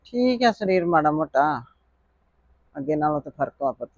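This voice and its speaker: Guy doing a meek old granny, soft and resigned, kinda high, dry sound. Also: sing-song, moderate pace, no room sound. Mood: gentle. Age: older. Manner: soft-spoken, resigned complaining. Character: gentle elderly grandmother, meek, avoids quarrels. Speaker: grandmother. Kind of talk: family drama vlog acting.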